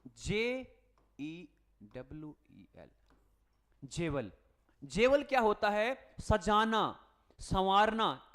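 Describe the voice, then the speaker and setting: A man leads a spelling lesson for exam students, his voice sitting fairly high for a man. He spells words out letter by letter and keeps asking his class questions before answering them himself. He speaks in a friendly coaching tone, calling his students "beta" and "bhai". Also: fairly bright tone. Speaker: English teacher.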